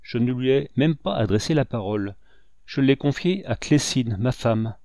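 A man's voice: mid-range voice, animated, normal speed, darkish tone, no room sound, studio quality, natural voice. A man reading as a humble, remorseful captain. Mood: pleading, contrite. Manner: humble, pleading, contrite. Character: devoted, remorseful male captain, humble and pleading.

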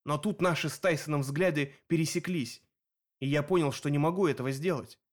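A man reading a first-person action audiobook aloud in a steady, vivid storytelling manner. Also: on the high side, a little fast. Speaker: audiobook narrator. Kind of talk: first-person scripted narration.

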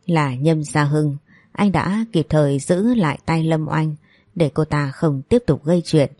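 A woman narrating a romance story with a steady, expressive reading. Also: low-pitched, unhurried, husky, no echo, faint music behind.

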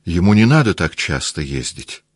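A gentle, indulgent aging mother, as a male audiobook reader plays her. She speaks softly and slowly, low and patient. The sound is close and dry. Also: big pitch swings, husky, no room sound, exaggerated voice. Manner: soft, slow, patient. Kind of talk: audiobook character voice.

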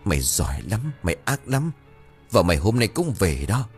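A man's voice: on the low side, sing-song, normal speed, faint music behind. A man voicing a vengeful male ghost who speaks in a cold, accusing voice through a possessed old man.

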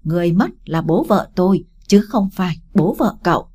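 A woman's voice: lowish voice, animated, normal speed, a little mellow, husky. A woman voicing a curt, terse young husband. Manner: terse, blunt. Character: curt cool young husband, man of few words.

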